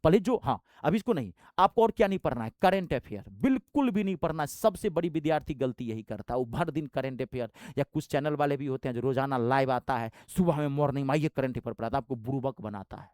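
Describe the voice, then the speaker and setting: Fiery coaching teacher. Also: male voice, medium pitch, lively intonation, quick pace, hardly any pauses, a little mellow, dry recording, clean studio sound. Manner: fiery and blunt, with rustic slang. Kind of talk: motivational exam-prep talk.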